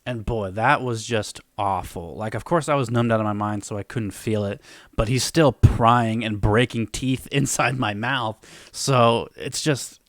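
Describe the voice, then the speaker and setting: A man's voice: fairly low pitch, a little slow, dry recording, clean studio sound. A man talking casually as a vlogger, explaining things informally to his viewers.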